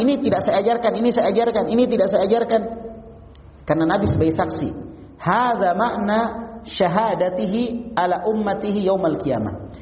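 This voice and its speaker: High-voiced male preacher in an echoey hall. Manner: asks the congregation repeated rhetorical questions; recites Arabic verses, then translates them. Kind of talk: mosque study-circle sermon. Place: mosque hall. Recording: distant, echoey, dull-sounding hall recording.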